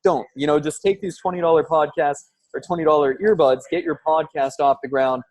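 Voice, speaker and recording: A man's voice: a little high, steady tone, fairly quick, darkish tone, no room sound, poor audio. A man with a slightly raised voice talks in a loose, conversational way, like a podcaster testing gear for viewers. His voice is captured through an earbud headset serving as the mic, with very little room reflection. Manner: conversational, informal. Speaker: podcaster reviewing earbud microphones. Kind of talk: casual product-test vlog. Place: loud coffee shop. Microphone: wired earbud headset used as mic.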